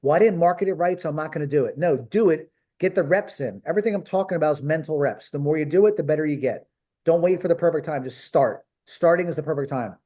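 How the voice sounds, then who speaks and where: A man from Philadelphia gives a coaching talk on a call. He is blunt and emphatic and hammers points home by repeating them. His voice sits a little high, with a soft, mellow tone. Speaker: business coach.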